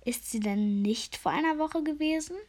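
A woman's voice: high voice, normal speed, a little mellow, voice pushed up, lightly acted. A woman voicing a polite, steadfast female tortoise who speaks in a friendly, patient way for a storybook reading.

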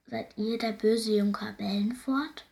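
A woman's voice: fairly high pitch, steady tone, measured pace, vocal fry, darkish tone. A woman voicing a curious, timid young princess in a fairy tale, asking hesitant questions.

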